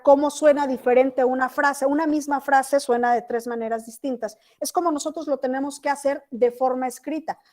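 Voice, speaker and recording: A high-voiced woman teacher from Chiapas, Mexico, gives an online class lecture over a video call. She keeps checking whether her students are following along. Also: darkish tone. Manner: checks in often with students, asking "¿sí?".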